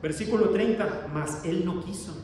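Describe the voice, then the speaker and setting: A man's voice: high voice, normal speed, a little mellow, a little hiss or hum. A man preaching a sermon, reading verses aloud and asking the congregation questions as he explains them. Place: church hall. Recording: echoey church hall, distant mic.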